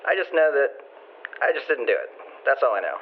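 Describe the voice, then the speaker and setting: A man's voice: medium pitch, big pitch swings, a little fast, a little hiss or hum. An actor playing a young male inmate talking on a prison phone call, hesitant and defensive, trailing off. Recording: muffled lo-fi phone line.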